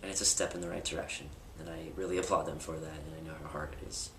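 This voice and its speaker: Recorded from a distance on a camera mic, in a roomy space with loud background noise, a young vlogger speaks openly about personal matters. He has a bass voice with flat delivery and a quick pace, and he wanders a little, using fillers and starting over.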